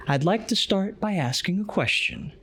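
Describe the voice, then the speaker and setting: A man's voice: high-pitched, lively intonation, moderate pace, a bit bright, breathy edge. A man giving an earnest, emphatic conference lecture, reading from a tablet.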